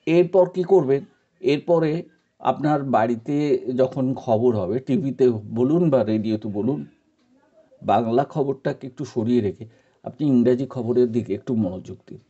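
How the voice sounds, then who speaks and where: A man from India, giving an informal spoken lesson in a patient, encouraging way, with many pauses and fillers. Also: mid-range voice, warm tone, breathy edge. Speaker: teacher giving advice. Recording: dull lo-fi recording.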